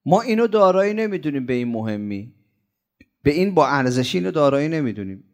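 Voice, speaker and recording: A man giving a sermon-style talk in an animated way, asking rhetorical questions and running through long lists. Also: a little high.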